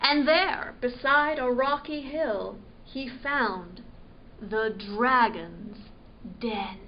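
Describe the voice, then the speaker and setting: A woman librarian reading a picture book aloud at storytime, expressive and asking her young listeners questions. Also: fairly high pitch, drawn-out words, highs cut off, a little hiss or hum. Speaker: children's librarian. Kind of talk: children's storytime read-aloud.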